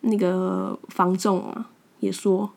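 A woman's voice: mid-range voice, flat delivery, slow pace, vocal fry, a little mellow. A young woman with a Taiwanese Mandarin accent, hosting a podcast and telling stories in a frank, blunt way, often repeating words as she restarts. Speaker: podcast host. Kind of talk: casual storytelling monologue.

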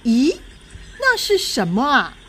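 A woman's voice: sits high, wildly swooping pitch, takes it slowly, a bit bright, slight background noise, exaggerated voice. A woman reading a children's storybook aloud, voicing a haughty, commanding male ghost general. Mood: puzzled. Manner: scornful, commanding.

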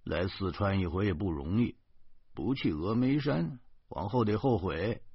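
A man's voice: deep voice, lively intonation, unhurried, slightly rough, no echo, exaggerated voice. A man doing a hot-tempered older uncle. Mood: sighing. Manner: sighing, then loud and shouting. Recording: dull, dry.

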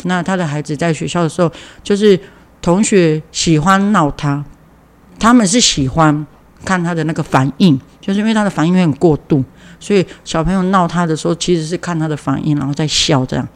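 A man tells a community story in a casual, chatty way. His voice sits a little high, he keeps reaching for fillers, and he briefly voices the people he quotes. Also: fairly quick. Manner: leans on fillers, acts out quoted dialogue. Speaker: community member sharing a story.

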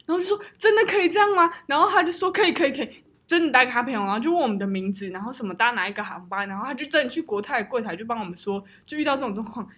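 Young taiwanese woman on a podcast, high husky voice, talks really fast, laughs and swears a lot. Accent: Taiwanese Mandarin. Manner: animated storyteller, swears and laughs often. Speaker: podcast co-host. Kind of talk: casual chat.

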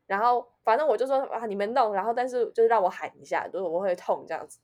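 A woman with a Taiwanese Mandarin accent telling a personal story in casual chat, animated, swinging between loud outbursts and low muttering. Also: fast. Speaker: podcast co-host.

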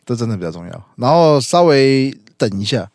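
A man's voice: mid-range voice, sing-song, brisk, darkish tone, dry recording, studio quality. A man with a Taiwanese accent in casual chat, reacting readily and repeating phrases for emphasis.

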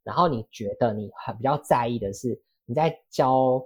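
Husky-voiced man hosting a podcast. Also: medium pitch, moderate pace. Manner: rambling, rephrasing his questions. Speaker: podcast host. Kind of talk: casual interview questions.

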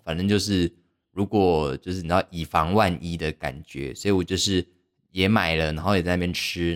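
A young man, hosting a podcast and telling a story casually, rambling and poking fun at himself with lots of fillers. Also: deep voice. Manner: rambling, self-mocking, heavy use of fillers. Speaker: podcast host.

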